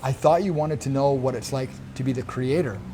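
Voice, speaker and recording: A man quoting a gentle feminine plant spirit in his own voice, soft, patient and solemn. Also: mid-range voice, fairly quick, a little hiss or hum, natural voice.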